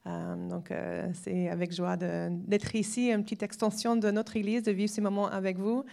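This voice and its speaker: An American woman in her forties, a native English speaker with an American accent, gives a personal testimony in French at a church weekend. She's halting, with many hesitations and light laughs, and her medium-pitched voice is creaky, mellow and flat in delivery.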